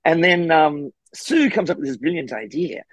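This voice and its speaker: A middle-aged Australian man, a guest historian and author, telling a casual story with lively acted-out quotes. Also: on the high side, normal speed, dry recording. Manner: animated, acts out quoted voices.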